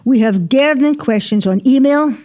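A woman's voice: sits high, moderate pace, mellow. A woman with a broad Scottish accent presenting a gardening radio show informally and chattily, sprinkling in Scots words.

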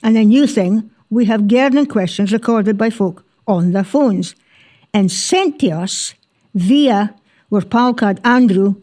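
A woman's voice: medium pitch, measured pace, dark tone. A woman with a broad Scottish accent presenting a gardening radio show informally and chattily, sprinkling in Scots words.

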